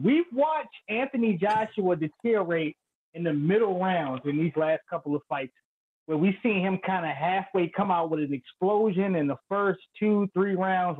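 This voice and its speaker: A man calling in over a crackly, staticky phone line, talking in an animated, playful, trash-talking way. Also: high voice. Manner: animated, loud and playful, vivid street storytelling. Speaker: guest predicting a boxing fight. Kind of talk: casual trash-talking chat. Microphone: cheap phone.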